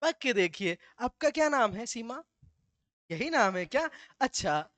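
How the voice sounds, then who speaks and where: A man's voice: extremely high pitch, sing-song, unhurried, fairly bright tone, no echo. A male teacher giving a classroom grammar lesson, with joking asides and slips into local dialect.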